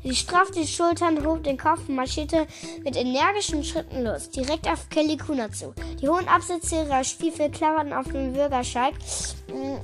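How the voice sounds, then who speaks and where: High-pitched woman reading a kids' detective book out loud, trips over words, faint music in the background. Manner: halting, with frequent restarts on words. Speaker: reader.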